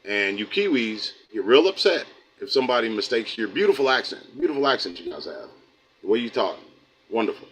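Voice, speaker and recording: A man's voice: fairly low pitch, very animated, a little fast, a bit bright, slightly rough, low-quality recording. A middle-aged man from the United States hosting a livestream, chatting casually with viewers in a folksy, rambling way that drifts into preaching. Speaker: host of a livestream channel. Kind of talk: casual livestream talk, reading chat.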